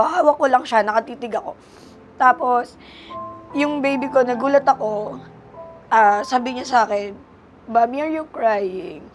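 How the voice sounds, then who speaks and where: A young adult woman speaking earnestly as a guest on a talk show, mixing English into Tagalog. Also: on the high side. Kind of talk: emotional interview talk.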